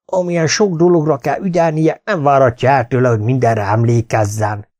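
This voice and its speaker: A man voicing a gruff, domineering older farmer who growls and scolds in an audiobook. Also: medium pitch, fairly even intonation, darkish tone, close to an everyday voice. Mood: grudging praise. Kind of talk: audiobook character voice.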